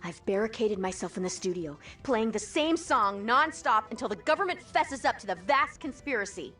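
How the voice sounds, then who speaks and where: Brief: a rebel radio DJ heard over a radio, high bright voice, distant with music behind. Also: female voice, animated, normal speed. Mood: defiant. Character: defiant pirate radio DJ woman barricaded in a studio. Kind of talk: video game dialogue.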